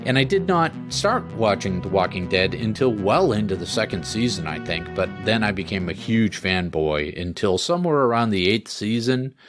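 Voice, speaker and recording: Host: tired man, low-ish voice, rambling jokey chat, music bed underneath. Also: animated, normal speed, hardly any pauses. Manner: rambling, joking asides. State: tired after a late flight. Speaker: podcast host. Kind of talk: casual chat.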